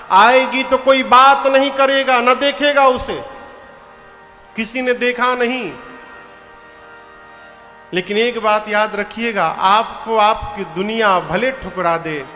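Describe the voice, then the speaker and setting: A man's voice: high voice, bright, forceful tone. A man telling a devotional story as a sermon, in a folksy way with humorous asides and verses he chants. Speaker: religious storyteller. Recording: reverberant live hall with faint music.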